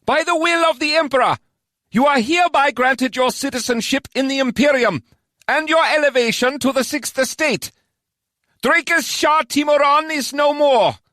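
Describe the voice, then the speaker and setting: A male narrator voicing a pompous elf house lord with a high-pitched nasal voice, making grand ceremonial proclamations. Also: normal speed, bright, forceful tone, no echo, studio quality. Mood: proclaiming. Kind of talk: audiobook character voice.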